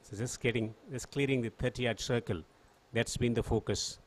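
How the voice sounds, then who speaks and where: A man's voice: medium pitch, fairly even intonation, normal speed. A man giving live cricket commentary and analysis as a co-commentator.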